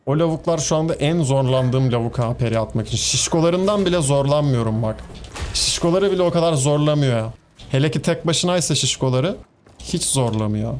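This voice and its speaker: A mid-pitched man with a Turkish accent streams a game and keeps up loose, chatty commentary, scolding enemies and joking with his viewers. A faint hiss sits under his voice. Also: lively intonation, fairly quick, a little mellow. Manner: chatty, talks to the game's enemies and to viewers, laughs easily. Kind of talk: casual gameplay commentary.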